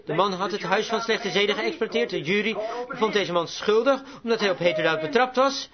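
A man's voice: high-pitched, a little fast, a crowd in the background. A man preaching a fervent sermon, emphatic and rising to exclamations, recorded lo-fi before a live congregation.

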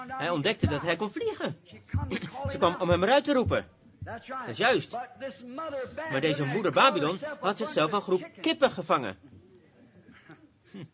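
A man preaching an impassioned sermon that rises to shouts, on a dull lo-fi recording with a crowd behind. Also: sits high. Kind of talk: fiery sermon.

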